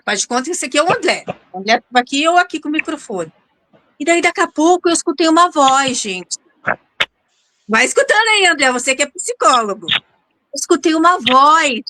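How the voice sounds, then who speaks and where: A woman hosting a show, telling a story to her audience in a dramatic, animated way and often turning to speak to them directly. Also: sits high, no echo. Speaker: show host and interviewer.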